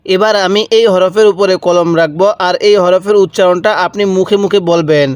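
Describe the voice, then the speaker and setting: Recorded without echo, this instructor's voice is high, clear, and resonant, with fairly even intonation. He walks through Quran letter reading one step at a time, patiently repeating and stretching out every syllable.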